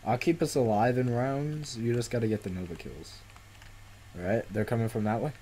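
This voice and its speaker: A man hosting casual gameplay commentary, excitable and quick to panic as he plays. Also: medium pitch, a little hiss or hum. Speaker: gaming channel host.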